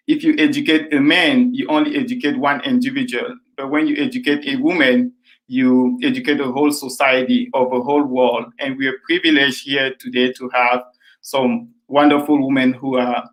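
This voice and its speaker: A man's voice: mid-range voice, fairly bright tone. Enthusiastic male panel host. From Jamaica. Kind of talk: hosting a panel discussion.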